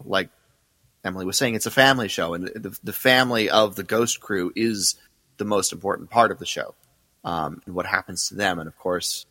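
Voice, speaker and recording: Bright-voiced man, dry close mic. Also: fairly low pitch, no echo, in a large hall, poor audio. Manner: enthusiastic, hesitant with fillers. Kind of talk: casual podcast chat.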